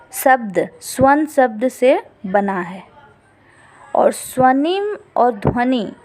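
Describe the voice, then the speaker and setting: Slow, high-voiced woman teaching. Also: a little mellow. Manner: slow, repeats each definition. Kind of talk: exam-prep lesson.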